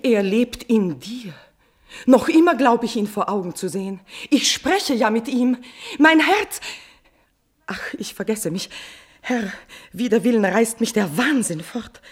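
An actress voices a tormented, lovesick queen in a classical verse tragedy for radio, declaiming passionately and moving between breathy whispers and swelling outbursts. Her voice sits on the high side and is expressive and unhurried. She sounds feverish and distracted.

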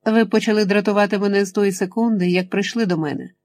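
A woman voicing a menacing, controlling male chemist in an audiobook, speaking slowly and insistently. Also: mid-range voice, steady tone, darkish tone, lightly acted. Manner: slow, insistent, threatening.

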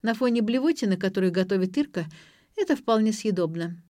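A woman voicing a rude, sarcastic teenage girl in an audiobook, defiant and sharp-tongued. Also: medium pitch, expressive, a little fast, dry recording, clean studio sound, voice pushed up, lightly acted. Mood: snappish.

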